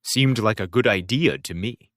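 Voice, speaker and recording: A man narrating a novel in the first person, wry and expressive. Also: on the low side, moderate pace, dry recording, studio quality. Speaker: audiobook reader.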